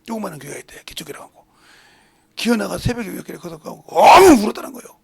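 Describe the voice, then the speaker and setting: Gravelly husky pastor preaching. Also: male voice, high-pitched, lively intonation, racing. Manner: swings between hushed asides and loud emphatic preaching. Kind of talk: sermon.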